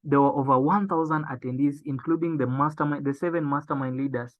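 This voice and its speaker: Over a tinny, phone-like recording, a young man with a slightly high voice delivers a motivational business training talk. He is emphatic, repeating key phrases and slowing down to stress them.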